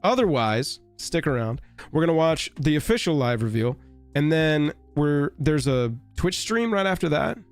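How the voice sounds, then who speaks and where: A man with a raspy, hoarse voice from being sick, hosting a casual live stream in a rambling, wry, offhand way. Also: fairly high pitch, very animated, normal speed, soft background music.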